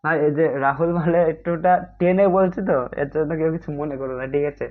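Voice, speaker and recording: A man's voice: fairly high pitch, fairly even intonation, fast talker. A man teaching an exam-prep grammar class online in a chatty way, often checking if students follow and calling them brother. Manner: chatty, keeps asking "ঠিক আছে?"; addresses students as "bhai", mixes English terms. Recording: tinny phone-like audio.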